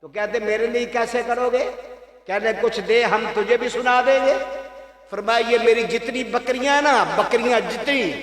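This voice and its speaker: High-voiced impassioned male preacher. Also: fairly even intonation, a bit bright. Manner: impassioned, rhythmic, dramatic. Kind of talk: sermon storytelling. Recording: echoey hall with long reverb.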